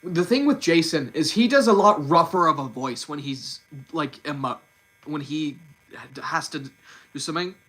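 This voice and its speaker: A young man hosting a casual live stream, talking fast and often repeating and restarting his words. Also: fairly high pitch, lively intonation, a bit bright, slightly rough, low-quality recording. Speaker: livestream host.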